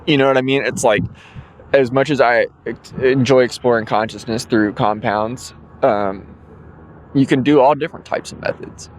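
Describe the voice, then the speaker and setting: With a medium-pitched, fairly even voice at normal speed, a sleepy man in his 20s wanders through his own solo podcast. He's loaded with ums and yawns now and then, over a slight hiss or hum.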